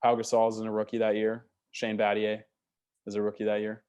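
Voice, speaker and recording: Podcast guest, man in his twenties, low-pitched, rapid-fire, colourful storyteller. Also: smooth. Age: 20s. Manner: animated storyteller, swears freely. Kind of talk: casual chat.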